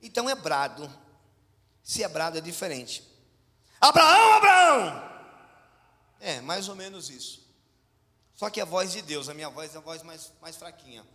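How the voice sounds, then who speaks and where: High, bright Brazilian pastor preaching. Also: male voice, normal speed. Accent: Brazilian Portuguese. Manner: animated storytelling, swings from hushed to shouted; leads congregation call-and-response. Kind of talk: sermon. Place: church hall. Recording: long church hall reverb.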